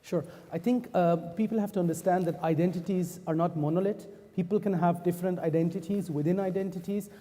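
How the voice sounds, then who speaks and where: A man who was born in Pakistan and grew up in the Netherlands, speaking earnestly and in a measured way as a panelist. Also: high voice, steady tone, mellow. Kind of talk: panel discussion. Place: event hall. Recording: long hall reverb.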